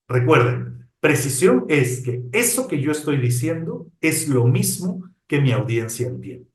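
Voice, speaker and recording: A man gives an online lecture as a counselor, his voice sitting a little high for a man. He keeps it animated, raising and dropping his tone and volume to make his points. His voice reaches the microphone with a roomy echo. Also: recorded from a distance. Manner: animated, varies tone and volume on purpose, addresses the audience as "chicos". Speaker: psychologist and employability counselor giving a webinar. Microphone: close to a computer microphone.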